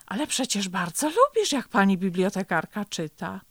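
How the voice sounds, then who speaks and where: A woman voicing a gentle mother turtle who calls out to her son in a coaxing way in a storybook. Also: medium pitch, very animated, normal speed, no room sound. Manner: calling out, coaxing.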